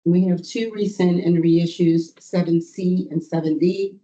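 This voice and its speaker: A board administrator reads a formal report in a halting, procedural manner, with flat delivery. The voice is mid-pitched and very mellow, and the meeting audio is muffled.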